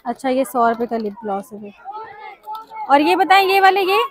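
A woman's voice: high voice, sing-song, moderate pace. A Pakistani woman with a Pakistani Urdu accent, filming a casual shopping vlog on her phone and chatting as she asks stall prices. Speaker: shopping vlogger. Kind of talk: casual walk-through vlog. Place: crowded outdoor street market. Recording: busy crowd noise behind.

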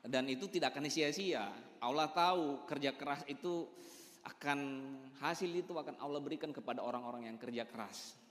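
A man's voice: fairly high pitch, a little fast, a bit bright. A man giving an emphatic motivational talk to a live audience, speaking straight to them. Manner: emphatic, addresses the audience directly, mixes in English words. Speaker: motivational speaker at a business meeting. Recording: echoey hall with long reverb.

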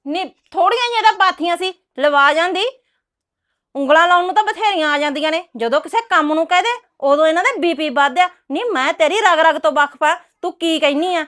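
A sharp-tongued village housewife, voiced by a woman, high-pitched. She scolds and curses freely. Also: brisk. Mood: scolding. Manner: scolding, cursing. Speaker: actress. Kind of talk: village drama dialogue.

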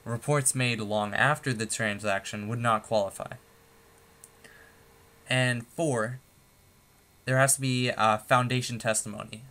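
A man presenting a tutorial lecture, explaining points in a steady, methodical way with a few fillers. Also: fairly low pitch. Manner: steady, methodical, stepping through numbered points with occasional fillers.

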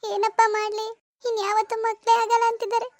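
Recorded at studio quality with no echo, a woman's very high, rapid-fire voice portrays a grieving, defensive mother-in-law in an animated cartoon. She wails in lament before turning to stern rebukes.

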